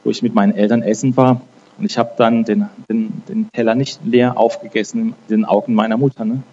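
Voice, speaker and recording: Man preaching casually, dark voice. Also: on the low side, flat delivery, a little fast, lo-fi sound, slight background noise. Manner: conversational, frequent "ne?" tags; repeats and restarts words. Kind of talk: informal sermon with prayer.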